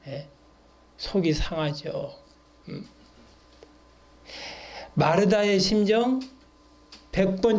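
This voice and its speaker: A pastor in a church hall explains scripture in a Bible study sermon. His voice sits slightly high for a man. He reads verses, then presses his listeners with frequent questions to keep them engaged. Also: a little mellow.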